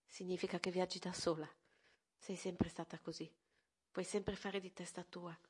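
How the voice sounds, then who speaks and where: Una donna che legge la parte di Maria, una madre di mezza età severa ma affettuosa. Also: female voice, lowish voice, flat delivery, normal speed, darkish tone, breathy edge. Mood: tender. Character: stern but loving middle-aged mother.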